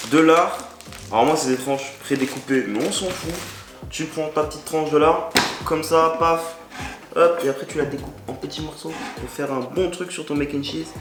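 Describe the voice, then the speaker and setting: A man's voice: on the high side, noisy background. Joking man in an echoey kitchen. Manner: joking, chatty, slangy, talks straight to the viewer. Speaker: cooking video host. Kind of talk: casual cooking vlog. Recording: echoey room with loud background music. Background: loud background music.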